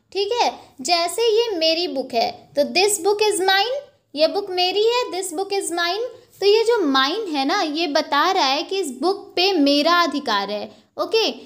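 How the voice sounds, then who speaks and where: A young woman teaching an English grammar lesson from slides, explaining slowly and checking in with "ok" after each point. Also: very high-pitched. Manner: slow, explanatory, repeats points with "ok" and "theek hai". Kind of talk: slide-based lesson, Hindi with English terms.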